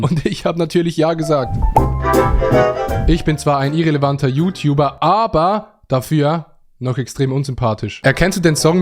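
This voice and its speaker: Casual reaction voiceover: young Swiss man, slightly high voice, self-mocking and slangy, faint music underneath. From Switzerland. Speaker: YouTuber reacting to his own video.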